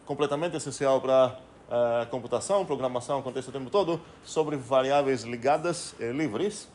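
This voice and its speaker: A man lecturing on math at a mid-range pitch. He thinks aloud as he writes, pausing on fillers, correcting himself, and tossing rhetorical questions to his students. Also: darkish tone, slight background noise. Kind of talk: recorded whiteboard lecture.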